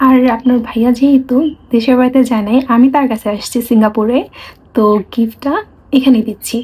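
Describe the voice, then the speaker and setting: A woman's voice: fairly high pitch, fairly even intonation, a little fast, husky, rough recording. Chatty woman vlogger from Bangladesh. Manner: chatty, keeps asking viewers "okay?", hushed when sneaking. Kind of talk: casual vlog to camera. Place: home in Singapore.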